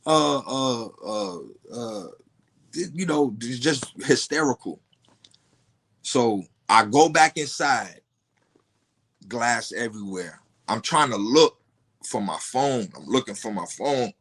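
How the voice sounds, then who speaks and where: A man in the guest seat of a podcast, retelling events in casual street slang. He curses freely and trips over his words, repeating them as he goes. His pitch sits in an ordinary middle range. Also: slow pace, breathy edge. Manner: stumbling repetitions and heavy street slang; profane, animated retelling. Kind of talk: casual storytelling.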